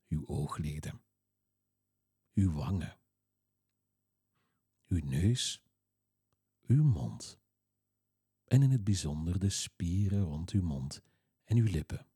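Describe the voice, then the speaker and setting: A man reading a guided relaxation exercise in a slow, soothing, calm way. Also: deep voice, breathy edge, no echo, studio quality.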